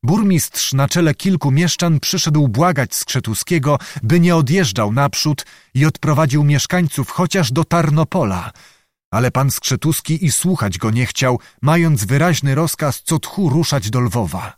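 Measured male audiobook narrator, dry sound. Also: a little high, animated, no room sound. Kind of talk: scripted narration.

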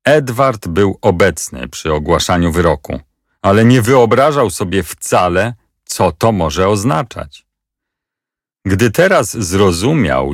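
A male audiobook narrator with a low, gravelly voice reading in a measured, expressive way. His pitch moves widely and he takes his time, and the sound is dry and close. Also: dry recording.

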